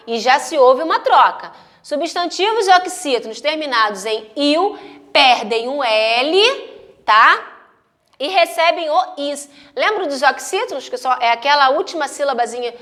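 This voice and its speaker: A woman's voice: sits high, a bit bright. A woman teacher speaking Brazilian Portuguese, patiently walking children through grammar rules step by step and often checking that they follow. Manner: drawn-out, carefully spoken example words. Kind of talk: recorded classroom lesson for children.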